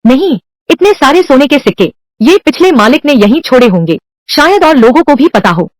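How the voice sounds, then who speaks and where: A woman's voice: high voice, sing-song, moderate pace, no echo. A woman voicing a shrewd, scheming young village man in a dubbed drama, indignant and sly. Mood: gleeful.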